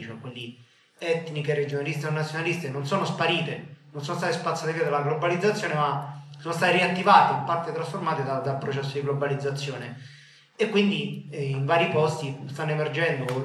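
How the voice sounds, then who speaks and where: A man's voice: fairly high pitch, fairly bright tone. Italian man speaking in a very echoey room. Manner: hesitant, repeats and reformulates. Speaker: conference host, journal editor. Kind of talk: academic introductory speech. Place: indoor conference room. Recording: very echoey room, faint noise.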